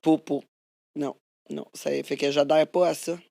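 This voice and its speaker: A woman's voice: low-pitched, flat delivery, a little slow, creaky, warm tone, no echo, studio quality. A woman with a Québécois accent hosting a podcast, chatting casually and laughing easily with her guest. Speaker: podcast host. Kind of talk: casual chat interview.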